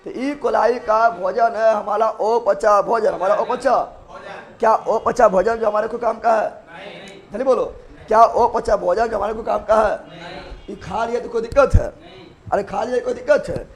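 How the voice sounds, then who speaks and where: A man's voice: sits high, normal speed. A man teaching biology, firing questions and having the class repeat answers back in chorus. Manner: loud, emphatic, laughing often. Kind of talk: call-and-response classroom lesson.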